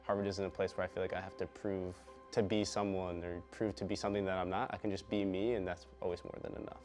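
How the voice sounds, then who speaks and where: A young man student speaks quickly and sincerely in a low, even voice that barely rises or falls. Soft music sits faintly behind him. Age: young adult. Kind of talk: testimonial interview.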